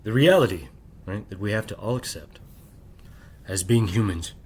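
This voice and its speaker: His voice is fairly low, husky and a little mellow, and he sounds animated at a normal speed. The middle-aged channel host is giving a late-night monologue to camera by himself, rambling with constant "right?"s while keeping quiet for his sleeping family.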